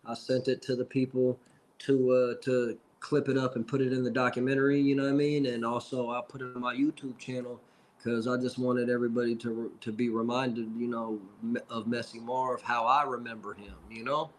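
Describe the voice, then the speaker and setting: A man in his forties, a rapper guest, tells stories in a loose, rambling way. He keeps dropping in "you know what I mean" as he goes. His voice sits at an ordinary middle pitch. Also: flat delivery, a little fast, rough recording. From Seattle. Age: 40s. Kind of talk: casual storytelling.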